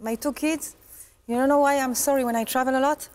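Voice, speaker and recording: Bright-voiced woman in her forties, earnest. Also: high-pitched, steady tone. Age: 40s. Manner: earnest, laughs often, halting English. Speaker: guest. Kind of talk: casual interview chat.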